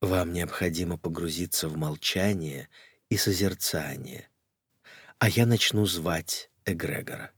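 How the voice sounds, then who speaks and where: Picture a sly swindler of a sorcerer conjuring spirits in a deep, dragging, tomb-like drone, as a male reader puts him on. Every word is weighed and stretched out for effect. The sound is close and dry, with no room around it. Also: breathy edge, dry recording. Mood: solemn. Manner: low, slow, sepulchral intoning. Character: sly male charlatan sorcerer, solemn and sepulchral.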